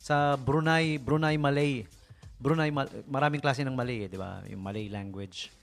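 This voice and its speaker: This radio DJ from the Philippines speaks at a normal speed in a medium-pitched voice, telling humorous stories with music in the background of the broadcast. He keeps things casual and animated, joking and laughing often.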